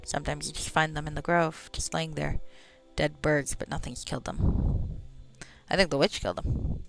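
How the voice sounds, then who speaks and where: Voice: mid-range voice, steady tone, normal speed, gravelly, a bit bright, faint music behind. A game streamer giving casual, rambling commentary, talking to themself and swearing freely. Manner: sweary, rambling, talks to self. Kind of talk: casual gameplay commentary with some read-aloud game text.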